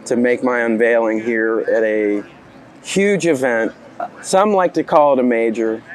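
Guest sports analyst: middle-aged man, gravelly, conversational delivery. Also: medium pitch, measured pace, rough recording. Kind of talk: casual sports chat.

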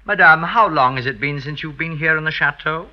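In a 1950s radio drama, an actor plays a fawning, scheming male servant, obsequious, hesitant and theatrical, with an oily, mock-sympathetic mood. His voice is on the high side, brisk and lightly acted, heard through a dull vintage radio recording.

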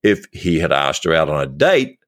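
A man with a very low voice hosts a podcast interview. He talks chattily, tells stories that poke fun at himself, and laughs often. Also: sing-song, moderate pace. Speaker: podcast host. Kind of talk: conversational storytelling.

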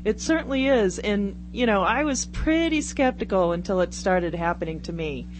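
Speaking at normal speed in an animated mid-range voice, a woman from Brockton, Massachusetts, United States, chats on a radio talk show, rambling and self-deprecating. Heavy noise and hum fill the radio recording.

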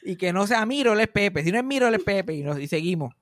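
A man's voice: high voice, fast, no room sound, studio quality. A man with a Puerto Rican accent telling funny family stories in casual chat, swearing freely. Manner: animated storyteller, swears casually, laughs often.

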